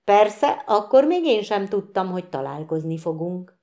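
A woman voicing a kindly, self-assured frog prince who plays host, calm and measured, in a storybook reading. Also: mid-range voice. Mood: friendly.

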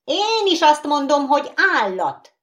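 A gaggle of squabbling storybook bowling pins, very high and loud, shrill with excitement, as a woman puts them on. Their shouts leap up and down.

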